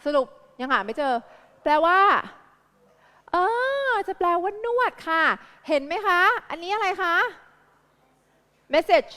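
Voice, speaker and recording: Thai-accented woman tutor, high voice, brisk quizzing teacher, reverberant classroom. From Thailand. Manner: lively, quizzing students with quick repeated questions. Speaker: English tutor. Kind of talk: live classroom lesson.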